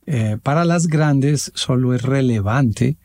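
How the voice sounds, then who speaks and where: A Colombian man answering interview questions in a measured, formal, explanatory way, with pauses. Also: medium pitch, a little mellow, dry recording. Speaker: guest, association president.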